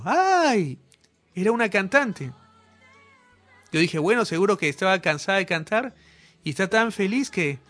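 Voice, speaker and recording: A man's voice: sits high, fairly bright tone. A man preaching a healing sermon, speaking straight to viewers and giving fervent, commanding proclamations. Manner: direct address to viewers. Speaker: healing evangelist.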